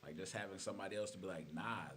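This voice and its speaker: A man co-hosting a casual podcast, soft-spoken and reflective, using slang. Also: low-pitched, rapid-fire, a little hiss or hum. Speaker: podcast co-host.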